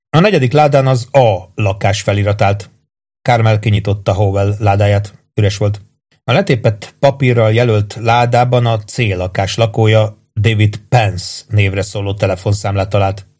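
Low-voiced male audiobook narrator. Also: a little mellow. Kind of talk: scripted narration.

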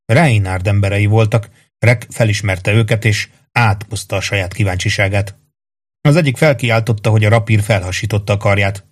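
A man reading a fantasy novel aloud in a measured, even storytelling manner. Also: lowish voice. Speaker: audiobook narrator. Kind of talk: scripted narration.

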